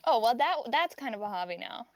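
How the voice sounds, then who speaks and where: A woman's voice: on the high side, very animated, fast, no room sound. A woman playing a tabletop game, speaking casually and hesitantly with lots of fillers. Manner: chatty, hesitant with many fillers. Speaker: player.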